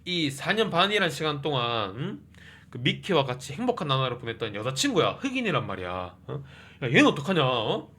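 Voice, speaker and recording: A man's voice: medium pitch, very animated, a little fast, sharp tone. A man casually retelling a film plot with comic flair, peppering it with "eh?" and "hm?" and acting out the lines. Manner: constant "eh?" and "hm?" interjections; acts out characters' lines. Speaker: movie recap YouTuber.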